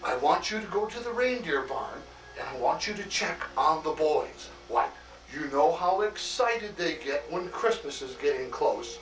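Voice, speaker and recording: A man playing a hearty, fatherly old Santa Claus in an acted greeting monologue, chuckling often and talking in a slow, homely way full of "oh" and "why". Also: on the high side, lively intonation, fairly bright tone, echoey room, distant mic, a little hiss or hum, rough recording. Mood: jolly.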